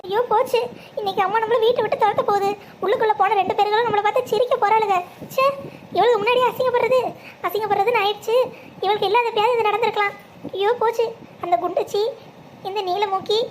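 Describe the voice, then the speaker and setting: Cartoon lead: a scheming young wife, very high and fast-talking. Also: female voice, slight background noise. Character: fretful young married woman, sharp-tongued, scheming. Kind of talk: animated cartoon voice acting.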